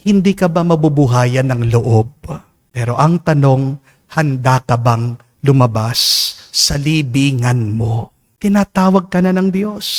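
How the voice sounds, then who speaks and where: A Filipino priest preaches his homily with a fairly high-pitched voice. His delivery swells with passion and climbs to near-shouts. It is a spoken sermon at Mass.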